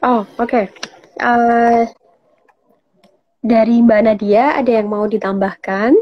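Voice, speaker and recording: A woman interviewer speaking slowly and politely on an online call whose audio keeps breaking up. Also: fairly high pitch, steady tone, dry recording, highs cut off. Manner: slow, polite, asks with fillers. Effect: choppy video call audio breaking up. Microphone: video call.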